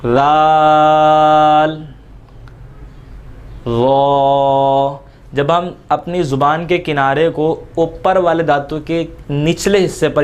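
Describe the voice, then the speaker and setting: A man teaching Quran reading, patiently drawing out each letter sound between step-by-step explanations. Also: fairly high pitch. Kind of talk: slow step-by-step recitation lesson.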